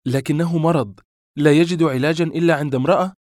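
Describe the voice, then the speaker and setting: A distressed young woman, as a male audiobook reader puts her on, fires off pointed questions, her voice raised higher and louder than the narration around her. The sound is dry and close, with no room around it. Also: lively intonation, fast talker, dry recording, lightly acted. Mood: sharp, hurt. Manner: sharp, urgent questioning.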